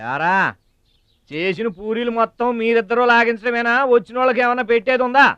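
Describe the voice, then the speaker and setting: A man's voice: extremely high pitch, steady tone, fairly quick, smooth, dry recording, lo-fi sound. A middle-aged man in a film, speaking emphatically and effusively as a hospitable younger brother. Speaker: younger brother of the household head. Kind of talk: film dialogue.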